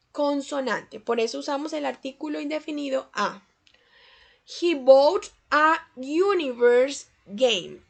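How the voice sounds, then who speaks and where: A woman with a high voice and a gravelly edge narrates a scripted English grammar lesson, her clear. She explains patiently and slows right down to sound out each English example sentence with care. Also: fairly bright tone. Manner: slow, careful enunciation of English example sentences. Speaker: English teacher.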